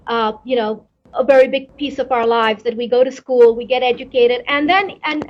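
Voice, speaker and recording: A middle-aged Pakistani astrophysicist, appearing as a guest, answers interview questions thoughtfully, often repeating words while she searches for the right ones. Her voice sits high, and the sound is lo-fi.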